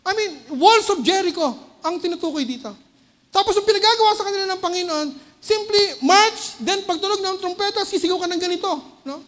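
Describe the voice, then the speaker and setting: High-voiced Filipino man preaching. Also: brisk. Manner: keeps checking with the congregation by tagging "no?" onto phrases; moves between loud urgent bursts and low quiet asides. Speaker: lay preacher. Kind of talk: sermon. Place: church hall. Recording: long reverb of a church hall.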